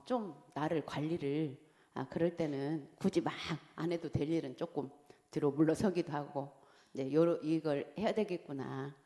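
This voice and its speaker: A middle-aged woman, a pastor's wife, giving a chatty, candid sermon that drifts between quiet outline points and laughing asides about her own life. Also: sits low. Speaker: pastor's wife preaching to Sunday school. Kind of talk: conversational sermon. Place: church sanctuary. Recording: long church-hall reverb.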